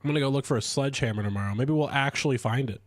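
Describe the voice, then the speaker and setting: A man chatting casually while streaming a game, stuffy from a cold, rambling with lively swings in pitch. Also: racing, dry recording, clean studio sound. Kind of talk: casual gameplay commentary.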